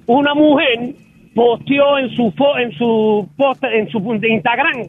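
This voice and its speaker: A Cuban man calls in with a high, loud voice, heard over a thin, tinny phone line. He has a cold and keeps his jokey talk loud. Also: fairly even intonation, slow pace, breathy edge, no echo. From Cuba. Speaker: caller. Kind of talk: call-in radio chat.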